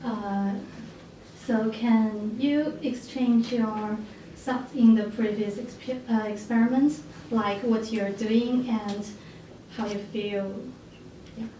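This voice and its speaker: A woman moderating a focus group, speaking haltingly with many fillers. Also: a little high, steady tone, dark tone. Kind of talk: hesitant moderation of a group discussion. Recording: echoey room from far off, noisy.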